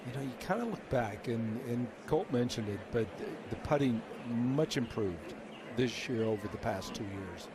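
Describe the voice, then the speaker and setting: A man's voice: medium pitch, animated, moderate pace, hardly any pauses, heavy background noise. A man working as a golf commentator, calling and explaining play during a live broadcast.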